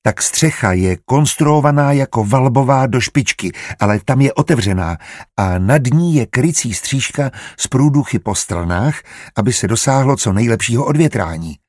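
In this audiobook, a man reads a good-natured, learned steward who lays out his plans with eager kindness. The voice is husky with a little breath in it, and the recording is dry and close. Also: fairly low pitch, a little mellow, no echo. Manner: explains eagerly and kindly. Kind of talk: audiobook character reading.

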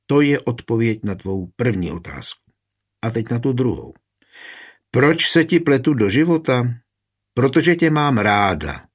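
Guy doing a stern caring grandma in an audiobook, husky, serious tone. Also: medium pitch, sing-song. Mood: firm. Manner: firm, measured and serious. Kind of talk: audiobook reading.

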